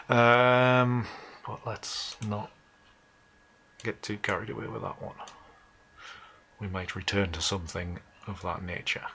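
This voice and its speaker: This is a deep, sharp-toned male voice with a Northumbrian English accent. He's hosting a casual live photo-editing session and thinking aloud informally, with keyboard and mouse clicks audible in the clear background noise.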